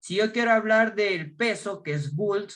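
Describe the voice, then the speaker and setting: A man's voice: high-pitched, a bit bright. A man with an Ecuadorian Spanish accent teaching an online English class, reading each English word aloud and explaining it in Spanish. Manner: slow, explaining in Spanish and modeling English words.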